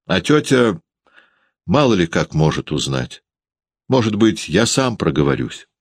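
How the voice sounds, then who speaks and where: A man's voice: sits low, very animated, measured pace, breathy edge, no room sound, full character voice. A man voicing a shy but stubborn teenage schoolboy. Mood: defensive.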